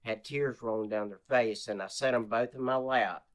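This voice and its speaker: A man's voice: medium pitch, moderate pace. Rambling male guest telling a story. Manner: animated retelling, acts out quotes in a raised voice; rambling, many restarts and fillers. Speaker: interview guest. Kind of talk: casual storytelling.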